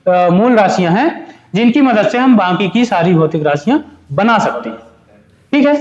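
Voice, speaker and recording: This high-voiced man, a physics teacher, delivers a classroom lecture with a darkish tone, explaining things one step at a time and fielding his own questions. His speech mixes Hindi with English terms, captured in an echoey room on a muffled recording.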